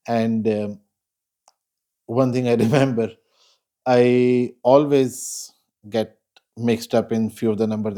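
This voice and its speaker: A man, a guest telling his life story in an interview. His voice is warm and mellow, and he talks in a measured, reflective way, often pausing to think. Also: on the low side. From Pakistan.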